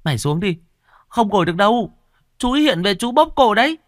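A terrified little child stammering through a plea to a ghost, as a man puts the child on in a horror story. The voice sits high and thin, and the recording is dry and close. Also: big pitch swings, a little fast, dry recording. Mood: warning. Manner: stammering, pleading.

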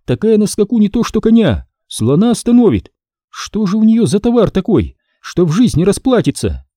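A man reading an audiobook voices a lively, artless young woman helper in a raised, excited voice. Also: mid-range voice, moderate pace, dry recording, clean studio sound, voice pushed up.

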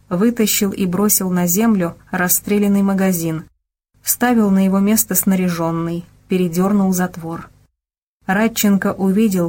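A woman's voice: medium pitch, darkish tone. Woman reading an audiobook. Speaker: audiobook reader. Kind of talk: scripted narration.

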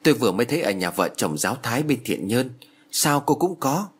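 A man voicing a frightened elderly mother, talking in a shrill, quavering, exclaiming way. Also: very animated, fairly quick, husky. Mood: terrified.

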